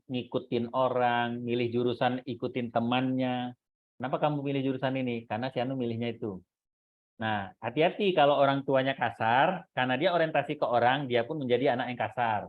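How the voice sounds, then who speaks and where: Man giving a parenting talk over a tinny line. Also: medium pitch. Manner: animated, explanatory, with fillers and acted quotes. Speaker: parenting speaker and test consultant. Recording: phone-like narrow band.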